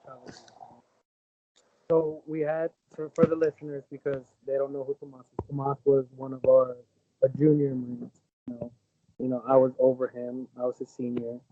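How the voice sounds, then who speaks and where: A man's voice: medium pitch, level tone, moderate pace. A man hosting a casual podcast chat with old friends, his voice muffled as if heard through a wall by his own bad microphone. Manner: rambling, repeats words at the start of sentences. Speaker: podcast host. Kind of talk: casual chat among veterans. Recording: muffled remote mic.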